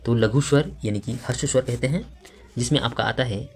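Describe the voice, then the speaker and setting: A man teaching an exam-prep grammar lesson in a voice of ordinary pitch for a man. He reads each question and its options aloud, then explains the answer step by step. His delivery is unhurried and conversational, with frequent fillers. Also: breathy edge.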